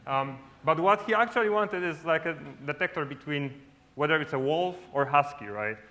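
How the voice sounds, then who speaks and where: This man from Poland, a native Polish speaker, delivers a relaxed conference talk under stage lights on a large stage, habitually adding "right?" to his sentences. His voice is a little high and expressive, at a normal speed, with a sharp tone.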